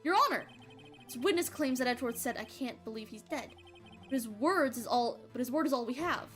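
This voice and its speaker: A woman's voice: fairly high pitch, animated, a little fast, faint music behind, lightly acted. A woman voicing an earnest young male defense attorney, speaking emphatically.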